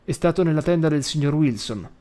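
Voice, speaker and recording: Man doing a plain, sober family head for an audiobook, low and measured. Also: animated, dark tone, lightly acted. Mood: grave. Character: plain, grave farm father, family head.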